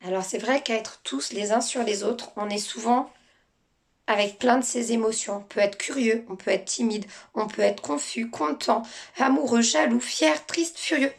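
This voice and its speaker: A woman teacher speaking gently and reassuringly to children as she introduces and reads a picture book. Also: on the high side, moderate pace, creaky, slight background noise.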